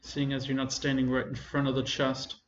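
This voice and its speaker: A man narrating a tabletop game as game master in a casual, halting way with many fillers. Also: mid-range voice, completely flat delivery, echoey room, highs cut off, a little hiss or hum.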